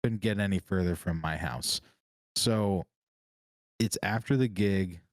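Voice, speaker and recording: Deep-voiced man telling stories. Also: a little slow, no room sound. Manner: storytelling, animated when quoting people. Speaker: podcast co-host. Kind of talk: casual chat.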